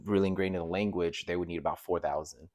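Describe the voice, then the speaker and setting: A man's voice: low-pitched, steady tone, fast talker, darkish tone, no echo, clean studio sound. A man who grew up in Costa Rica, co-hosting a casual talk show, hedging his claims and joking at his own expense. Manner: self-deprecating, hedging. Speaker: podcast co-host. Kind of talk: casual chat.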